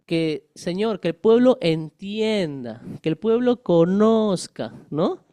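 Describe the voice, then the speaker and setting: A man's voice: high-pitched, lively intonation, slow pace, mellow, smooth, no echo. A middle-aged male pastor giving a conversational Bible-study sermon, explaining verses with everyday examples and asking the congregation rhetorical questions.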